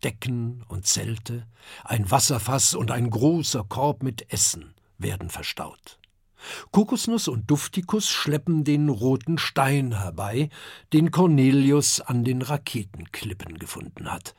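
A narrator reading a children's story aloud, expressive and unhurried. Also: mid-range voice, breathy edge, dry recording, clean studio sound. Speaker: audiobook narrator.

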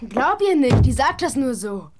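A woman's voice: high-pitched, very animated, normal speed, a little hiss or hum. A woman voicing a cheeky, clever young boy in a children's audio drama. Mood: earnest. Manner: bright and plucky.

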